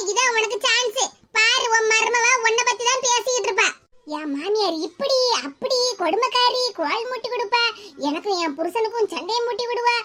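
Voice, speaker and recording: A woman voicing a scheming, spiteful sister-in-law in a cartoon, taunting in a Tirunelveli Tamil accent. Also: very high-pitched. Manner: taunting, needling. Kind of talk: cartoon voice acting. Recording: noisy cartoon audio.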